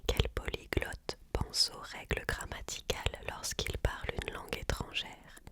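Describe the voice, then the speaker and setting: Slow, hushed library whisper, ASMR reading. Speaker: ASMR reader.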